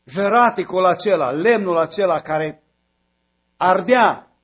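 A man's voice: fairly high pitch, husky. A man preaching a sermon, building to emphatic repeated phrases.

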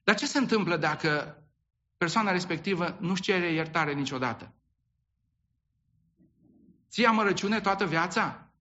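A man's voice: sits high, bright, forceful tone, dull audio. A man preaching a sermon as pastor, asking the congregation rhetorical questions and often repeating and restarting his words.

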